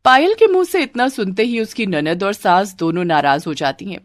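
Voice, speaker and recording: Woman narrator for cartoon moral stories, mid pitch, dry studio sound. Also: moderate pace, no room sound. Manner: even, explanatory storytelling. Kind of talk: scripted storybook narration.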